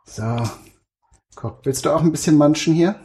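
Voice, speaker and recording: Middle-aged dad, casual kitchen talk, patient and instructive, deadpan jokes. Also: male voice, on the high side, moderate pace, a little hiss or hum. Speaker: father.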